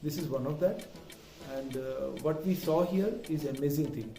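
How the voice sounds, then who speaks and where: Male vlogger, Malayali accent, unhurried and fairly high-pitched, code-mixing Malayalam and English; distant, echoing sound. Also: dark tone. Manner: mixes Malayalam and English, switching mid-sentence. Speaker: vlog presenter. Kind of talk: casual vlog talk. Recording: roomy, distant mic with music behind.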